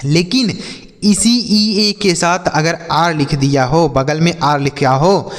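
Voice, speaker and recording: A man's voice: on the high side, takes it slowly, big-room sound. A man teaching English reading step by step. He asks his students questions and answers them himself. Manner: addresses students as kids and brother. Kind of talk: classroom-style phonics lesson.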